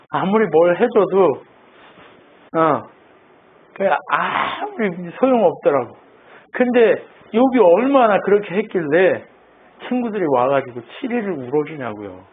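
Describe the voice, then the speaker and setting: A man preaching a sermon as pastor, asking the congregation questions and answering them himself. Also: a little high. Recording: tinny phone-like line with faint noise.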